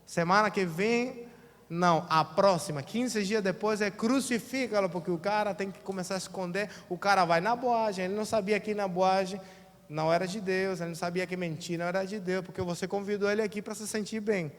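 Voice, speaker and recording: Brazilian male pastor, high voice, colloquial sermon delivery that acts out quotes, long reverb of a church hall. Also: brisk. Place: church sanctuary.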